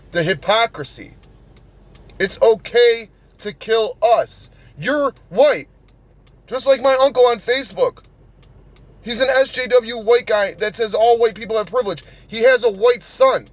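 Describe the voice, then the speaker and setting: A man's voice: high-pitched, rough recording. A man ranting in a confrontational, profane vlog, addressing someone directly. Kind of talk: angry rant vlog.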